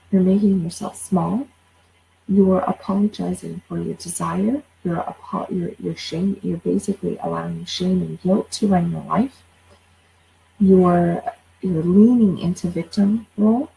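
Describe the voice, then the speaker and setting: A woman in her forties speaks as a coach in a loose, blunt, off-the-cuff way, swearing freely. Her voice sits low with a gravelly fry and a dark, mellow color. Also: slight background noise, rough recording. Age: 40s. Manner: blunt, swears, repeats words when fired up. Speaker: life coach. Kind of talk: casual livestream talk.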